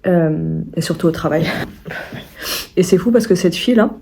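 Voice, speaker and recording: A woman's voice: lowish voice, normal speed, creaky, mellow, slight background noise. A young woman vlogging at home in a rambling, chatty way, full of restarts and fillers. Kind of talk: casual vlog chat. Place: at home indoors.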